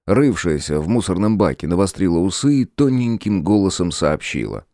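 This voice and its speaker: A man reading a first-person audiobook in a gruff, sardonic storytelling manner. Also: sits low, very animated, normal speed, mellow, no room sound, clean studio sound. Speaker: audiobook narrator.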